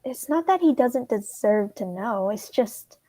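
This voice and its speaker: A woman voicing a worried teenage boy, reading a fan script aloud in an earnest, hushed way. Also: a little high, expressive, a little slow, no room sound. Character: worried teenage boy confiding about a friend.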